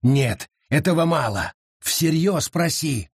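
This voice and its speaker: A man's voice: on the high side, expressive, takes it slowly, slightly rough, dry recording, clean studio sound, heavily acted. A man voicing a wild, commanding male forest beast spirit, urgent and insistent. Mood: demanding. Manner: urgent, insistent, bellowing orders.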